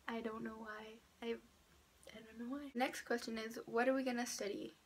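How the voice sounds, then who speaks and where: Speaking in a somewhat high, slightly rough voice with flat delivery and moderate pace, an eighteen-year-old woman introduces herself as a vlogger. She's stuffed up from a cold, chatty, and a bit sarcastic. She sits in a small room by a door while cars pass outside.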